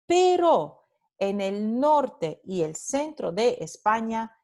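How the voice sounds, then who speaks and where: Slow, careful woman teaching phonetics. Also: a little high, big pitch swings, a little mellow. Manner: careful, repeats example sounds slowly. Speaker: language teacher. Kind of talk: recorded phonetics lecture.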